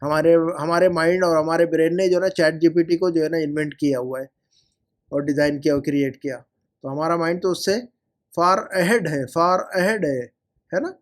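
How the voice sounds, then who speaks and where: A male Arabic teacher going over homework in an online lesson, explaining in Hindi-Urdu sprinkled with English and repeating words slowly for drilling. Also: a little high, fairly even intonation.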